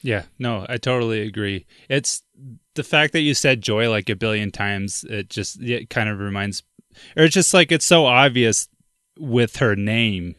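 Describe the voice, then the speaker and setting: Young dude rambling casually on a movie podcast, says like and dude a lot, dead dry sound. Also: male voice, lowish voice, measured pace, a bit bright, smooth, dry recording. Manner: chatty, lots of "like" and "dude", laughs often. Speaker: podcast co-host. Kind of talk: casual film discussion chat.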